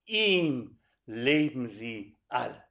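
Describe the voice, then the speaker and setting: An older man preaching, and his voice swings from quiet, low asides up to loud, raised lines. He tells anecdotes and speaks straight to his listeners, sometimes slowing down to drag a phrase out. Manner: animated storytelling, addresses audience directly. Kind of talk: sermon.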